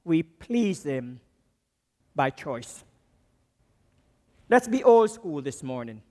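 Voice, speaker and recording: Jamaican man preaching, high voice, slow deliberate delivery, echoing church hall. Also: very animated, a little mellow. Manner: slow and emphatic, voice dropping low on key words. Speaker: missions speaker preaching. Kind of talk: sermon. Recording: long reverb of a church hall.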